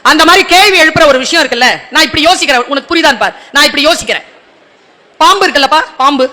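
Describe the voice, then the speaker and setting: A man with a strikingly high voice gives an animated motivational speech to a room full of students. He sounds bright and forceful, repeatedly quizzing the audience with pointed rhetorical questions and breaking into quick acted-out dialogues to drive his points home.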